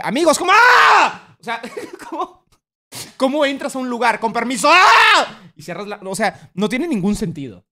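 A man streaming a casual reaction to a video, talking bluntly, swearing freely and now and then acting out a voice in a sudden loud burst. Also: high voice.

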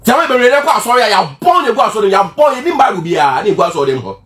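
High-pitched animated Ghanaian preacher. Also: male voice, fast talker, roomy sound. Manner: animated preaching, switching between Twi and English, rhetorical questions. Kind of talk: sermon.

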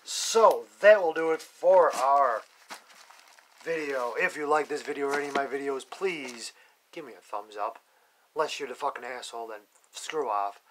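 In a mid-range, slightly bright voice at a moderate pace, a young vlogger who collects comics casually narrates an unboxing. The overhead phone recording, made at a table indoors, carries a little hiss or hum; he lists issues plainly and curses bluntly when annoyed.

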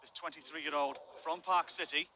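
A male play-by-play commentator with a fairly high voice calls the action live, steady and measured, and he builds excitement at the big moments. Open-air venue ambience hums clearly behind him. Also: noisy background.

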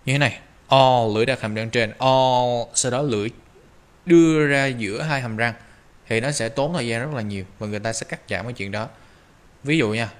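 A man teaching English pronunciation, drawing out slow model phrases between quick explanations. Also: medium pitch. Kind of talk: pronunciation lesson.

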